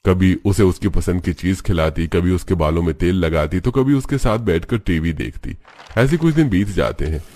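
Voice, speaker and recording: Low-voiced man narrating a cartoon story. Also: moderate pace, no room sound. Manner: steady, plain storytelling.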